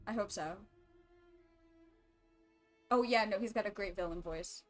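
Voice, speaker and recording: A woman game streamer giving casual live reaction commentary in an irreverent, sweary, animated way. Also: mid-range voice, a little slow. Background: game music.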